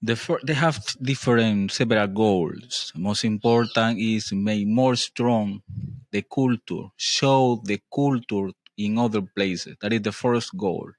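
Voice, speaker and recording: A man with a Colombian accent interprets in simple, halting English as a native Spanish speaker. His voice is fairly low and very unhurried, recorded dry. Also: no echo. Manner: halting non-native phrasing.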